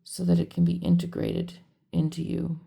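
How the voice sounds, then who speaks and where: A middle-aged woman art teacher, croaky from lack of sleep, slowly dictating and repeating a letter as she writes it. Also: low voice, sing-song, dark tone. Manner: slow and deliberate, repeating phrases as she writes. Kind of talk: slow dictation while writing a letter.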